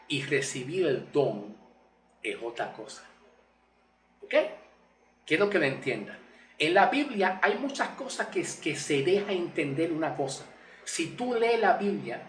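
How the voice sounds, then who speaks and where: A man giving a Bible teaching, often checking in with short questions to his listeners and repeating key words slowly for emphasis. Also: a little high. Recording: roomy echo from a distant mic with faint noise.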